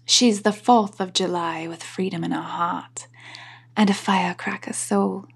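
Woman doing a mock British accent, soft half-whispered poetry reading, slow, husky. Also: on the low side, steady tone, exaggerated voice. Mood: playful. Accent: put-on British.

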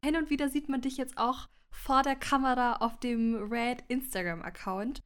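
A woman's voice: sits high, steady tone, moderate pace, fairly bright tone, clean tone. A woman interviewing a colleague, asking friendly, curious questions.

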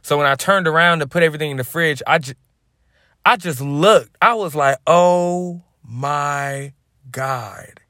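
A man telling a story to his viewers in a casual, lively, slangy way. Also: on the high side, fairly quick, dry recording, clean studio sound. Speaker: vlogger.

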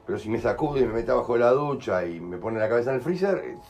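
A man with a Rioplatense Spanish accent explains to a group at a middle pitch. He talks in an animated way and slips into quoted voices. Soft music plays faintly in the background. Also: fast talker. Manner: animated, acts out quoted voices, keeps asking "¿entendés?". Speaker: group workshop leader.

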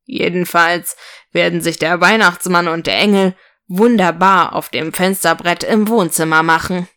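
An older father figure from a children's storybook, good-natured and grumbling under his breath, as a woman reads him. His voice sits lower than the narration and comes out in a slow, muttering way. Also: steady tone, fairly bright tone, clear, resonant tone. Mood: murmuring.

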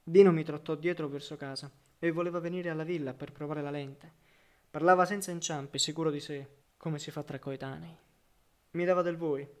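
A man reading a literary novel aloud as audiobook narrator, measured and reflective, letting phrase endings fall softly. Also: fairly high pitch, fairly even intonation.

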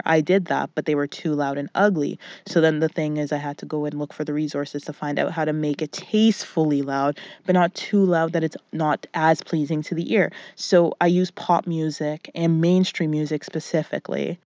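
A woman talking casually on a solo podcast in an informal, halting, rambling way, muffled in a closet with hardly any reverb. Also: low-pitched, darkish tone. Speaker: podcast host and music producer. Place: recorded in a small clothes closet indoors. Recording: muffled, dry closet sound. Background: nothing, little reverb.

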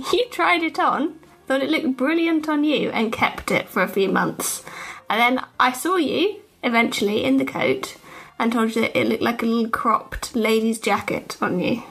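A woman's voice: on the high side, normal speed, gravelly, fairly bright tone, husky. A woman co-hosting a casual chat, teasing her partner and laughing often. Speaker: podcast co-host.

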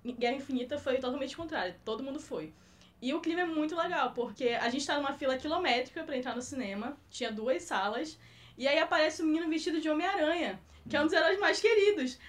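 A Brazilian woman with a high, light voice chats casually on a film podcast. She tells her anecdotes in a lively, animated way. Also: fast. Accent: Brazilian Portuguese. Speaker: co-host film critic.

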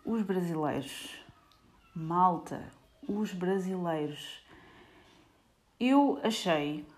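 A woman from Portugal with a European Portuguese accent, an airport security screener chatting casually to her viewers in an animated way. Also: on the low side, extremely slow. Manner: chatty, animated, frequent fillers, addresses viewers directly.

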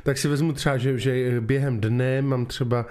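A man's voice: mid-range voice, fairly even intonation, darkish tone. Hesitant male podcast co-host. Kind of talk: casual chat.

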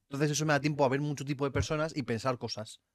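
Quick-talking young man, dry sound. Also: medium pitch, fairly even intonation, no room sound. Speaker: podcast co-host. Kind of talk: casual chat.

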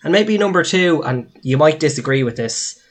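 A man's voice: a little high, expressive, moderate pace. Conversational Irish man on a podcast. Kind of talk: casual group chat.

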